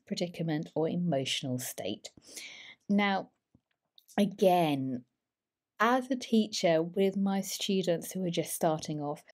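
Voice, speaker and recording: A woman teaching exam speaking skills to camera, lively and emphatic as she gives advice. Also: medium pitch.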